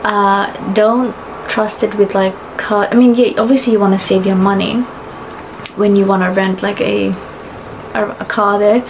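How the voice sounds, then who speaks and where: A young woman from Fiji talks to camera in a loose, casual vlog. She wanders through her points with plenty of "uh" and "like", often correcting herself mid-sentence, at a mid-range pitch. A steady hiss of background noise sits under her voice. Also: measured pace. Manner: rambling, full of fillers and self-corrections. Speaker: travel vlogger.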